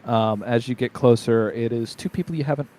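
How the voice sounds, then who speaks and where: A man's voice: mid-range voice, fairly quick, a little mellow. A man narrating a tabletop role-playing game casually as its game master.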